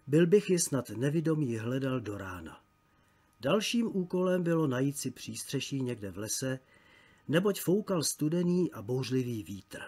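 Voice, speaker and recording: A man reading a travel story aloud as an audiobook narrator, measured and literary. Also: mid-range voice, darkish tone, breathy edge.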